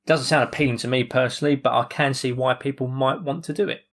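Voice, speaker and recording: A man's voice: mid-range voice, fairly even intonation, quick pace, fairly bright tone. A British man co-hosting a podcast, chatting casually about sports recovery. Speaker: podcast co-host.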